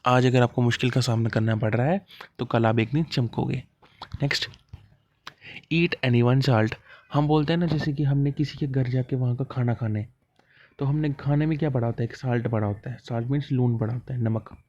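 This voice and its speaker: A man's voice: mid-range voice, fairly even intonation, fairly quick, darkish tone, no echo, muffled recording. Chatty man teaching idioms. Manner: explains step by step, asks and answers his own questions, acts out little dialogues. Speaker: exam coaching teacher. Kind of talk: casual classroom explanation of idioms.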